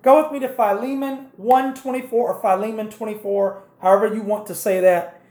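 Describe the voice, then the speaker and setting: A woman's voice: medium pitch, steady tone, fairly quick, mellow, reverberant. A woman preaching a sermon, directing listeners through scripture passages and explaining them step by step.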